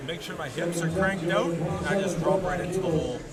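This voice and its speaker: Canadian man answering over loud crowd. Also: fairly high pitch, brisk, reverberant. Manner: brief, easygoing answers. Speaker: competitor. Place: powerlifting meet venue.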